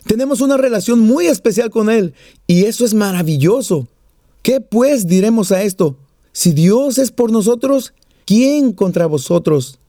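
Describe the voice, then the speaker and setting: A man's voice: high-pitched, animated, unhurried, warm tone, no room sound, studio quality. A man preaching a sermon, mixing scripture and prayer with jokes and small stories. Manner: joking storyteller, plays out little voices.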